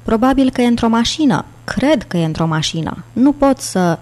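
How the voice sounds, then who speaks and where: A woman's voice: a little high, expressive, a little mellow, pitched above the performer's own voice, close to an everyday voice. A woman voicing a frantic male police lieutenant, calling out urgently over a radio in an audiobook.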